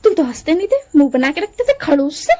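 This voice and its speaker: A woman's voice: sits high, sing-song, quick pace, darkish tone. A woman voicing a cheeky, complaining young man, ranting in a whiny, exasperated way.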